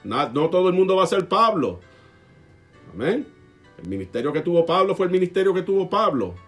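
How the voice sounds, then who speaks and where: A man preaching a sermon emphatically, swinging between loud and soft and asking the congregation questions. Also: high voice, sing-song, a little fast, soft background music. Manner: asks the congregation rhetorical questions.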